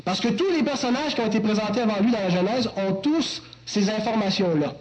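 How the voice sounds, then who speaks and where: High-voiced man preaching a sermon. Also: a little fast, slight background noise, low-quality recording. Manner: teacherly, joking asides to the congregation. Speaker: pastor. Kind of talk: expository sermon.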